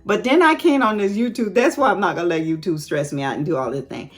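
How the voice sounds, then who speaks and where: A YouTube host in her late fifties answers viewer questions in a casual vlog, chatting candidly and laughing often. Her voice is medium-pitched and quick, with soft music in the background.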